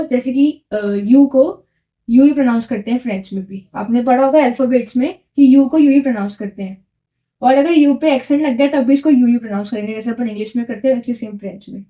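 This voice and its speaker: Speaking Hindi sprinkled with English, this woman walks a learner through French grammar step by step like a classroom lesson, repeating key words and having the learner say them back. Her voice is a little high and the audio is dull.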